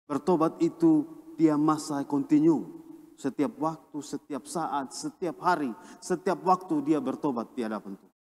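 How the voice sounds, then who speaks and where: A man from Indonesia, a pastor, preaching a sermon with emphatic swings between a raised and a lowered voice. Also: moderate pace, darkish tone, long reverb tail. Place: church.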